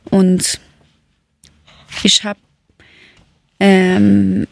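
A woman born in Iran to an Afghan family, speaking as a learner in a slow, hesitant way and often pausing to search for words. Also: medium pitch, monotone, vocal fry, dry recording. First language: not German. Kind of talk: casual personal talk.

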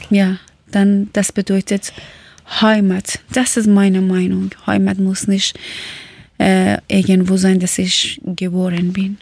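Slow, hesitant woman from Iran. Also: mid-range voice, gravelly, a little mellow, no room sound. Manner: hesitant, searching for words. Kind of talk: casual talk in learner German.

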